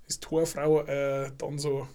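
A man's voice: fairly high pitch, little pitch movement, takes it slowly, gravelly, mellow, smooth. A man hosting a casual podcast interview, hesitant and filling his questions with many "ähm"s and restarts. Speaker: podcast host.

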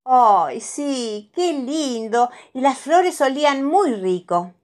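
A woman voicing a cheerful little girl piglet in a storybook reading, all excited exclamations. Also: high-pitched, slow, pitched above the performer's own voice, full character voice. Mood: happy.

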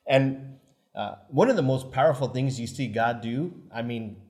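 A man's voice: medium pitch, animated, normal speed, a little mellow. A man, a missionary, reminiscing in casual conversation, reflective, laughing easily, his sentences loose and rambling.

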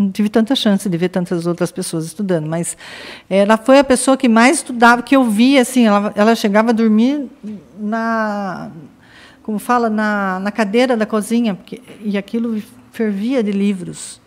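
A woman from Brazil, a podcast guest, telling a family story in a lively way and acting out her relatives' lines. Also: medium pitch, normal speed. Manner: lively, acts out family members' quoted lines. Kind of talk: casual storytelling in conversation.

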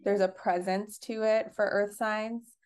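A woman's voice: medium pitch, flat delivery, a little slow, darkish tone, smooth. Chatty young woman co-hosting a podcast. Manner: chatty, many fillers and restarts. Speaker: podcast co-host. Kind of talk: casual explanatory chat.

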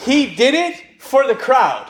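Guy preaching in english, pretty high voice, punchy lines, stops for the translator. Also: very animated, measured pace, a bit bright, roomy sound. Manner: emphatic, asks the crowd questions, reads scripture aloud. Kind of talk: sermon with live interpreter.

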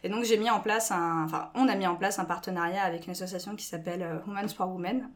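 A woman in her twenties from France, a podcast guest who talks in a lively way with many fillers and gestures a lot. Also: fairly low pitch, quick pace. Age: 20s. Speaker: guest, school staff member. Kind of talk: casual podcast interview.

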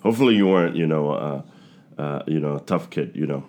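A man's voice: rumbling low, expressive, fast, a little mellow. A young man from Queens, hosting a podcast interview, reading a scripted intro and then talking loosely with many fillers. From Queens, New York. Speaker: podcast host.

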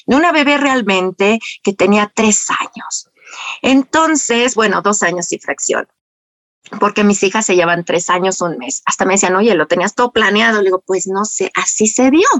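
A middle-aged woman with a Mexican accent, telling a personal story in a lively, conversational way, often asking the audience rhetorical questions. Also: fairly high pitch, no echo. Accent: Mexican Spanish. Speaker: speaker sharing personal story. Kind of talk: conversational talk.

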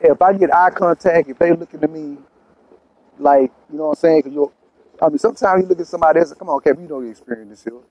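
A man's voice: on the high side, quick pace, mellow, low-quality recording. A man chatting casually in blunt, profane street slang, often repeating himself to press his point. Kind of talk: casual conversation.

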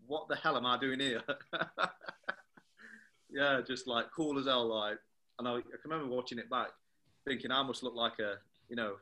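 A man, a former footballer being interviewed, who tells stories lively and acts out the dialogue. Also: medium pitch. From England. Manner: animated storyteller who acts out quoted dialogue. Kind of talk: anecdotal interview chat.

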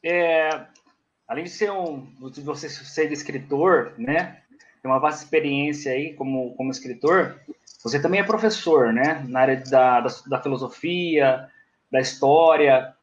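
A man's voice: fairly high pitch, measured pace, lo-fi sound. A man interviewing a guest, asking a long, rambling question full of hesitations.

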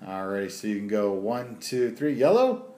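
A man's voice: on the low side, fairly even intonation, moderate pace, mellow. A man co-hosting a casual trivia board game, joking and laughing often. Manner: jokey, laughs often, slips into put-on accents.

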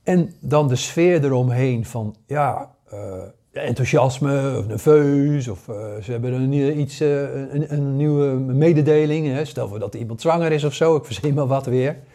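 A man's voice: mid-range voice, unhurried, dark tone. A man, teaching a casual spoken lesson, hesitating often with fillers and restarts. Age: 60s. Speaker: paranormal course teacher.

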